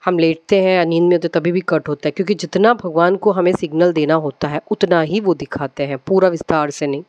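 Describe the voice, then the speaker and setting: A woman's voice: fairly low pitch, fairly even intonation, a little fast, a little mellow, no room sound, dull audio. A woman on a devotional channel casually retelling a dream, rambling, with many fillers and English words mixed in.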